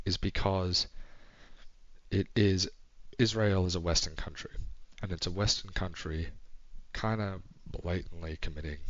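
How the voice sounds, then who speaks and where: A young man with a very deep voice talks in a hushed, near-whispered late-night ramble. He thinks aloud, pausing and restarting often. The recording is dry and a little dull, with no room sound. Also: dry recording. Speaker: vlogger. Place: home at night.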